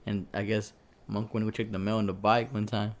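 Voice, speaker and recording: A man's voice: on the low side, quick pace. A man on a casual podcast, telling a story with acted-out quotes and frequent laughter. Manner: animated storytelling, acts out quotes, laughs often. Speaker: podcast co-host. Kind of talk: casual chat.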